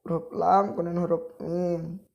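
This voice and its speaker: A man from Indonesia teaching Quran recitation, patiently repeating syllables, contrasting right and wrong sounds, and chanting verses in a drawn-out way. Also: a little high, flat delivery, creaky, darkish tone. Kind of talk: tajwid recitation lesson. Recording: dull lo-fi recording.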